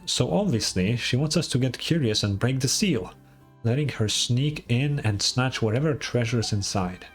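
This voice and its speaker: A man reads the part of a boastful fantasy-game schemer, a self-proclaimed devotee of the moon goddess and an inventor, always pitching some flawless plan. His middling-pitched voice is breathy, lively in intonation and normal in speed, carrying a proud, scheming, breezy and grandiose self-assurance. Music plays behind him.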